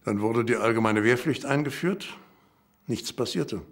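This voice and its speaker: An elderly man of about eighty recalls events as an interviewee. He has a medium-pitched voice and talks in short, plain statements. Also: normal speed. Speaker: eyewitness interviewee. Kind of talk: recollection in documentary interview.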